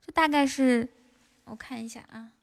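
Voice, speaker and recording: High-voiced woman chatting on a livestream. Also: normal speed, creaky. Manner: chatty, coaxing, playful, frequent laughter. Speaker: livestream host. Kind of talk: casual livestream chat with viewers. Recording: music playing behind the voice.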